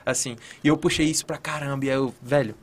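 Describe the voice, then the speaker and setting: A man's voice: medium pitch, fairly even intonation, fast talker. A man in his twenties chatting casually, swearing freely and using lots of slang. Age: 20s. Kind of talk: casual podcast chat.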